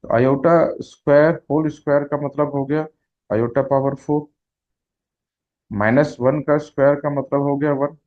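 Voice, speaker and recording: A male math teacher explaining slowly, step by step, who asks questions and answers them himself, mixing Hindi with English math terms. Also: fairly high pitch, steady tone, highs cut off. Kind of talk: classroom lecture at a whiteboard.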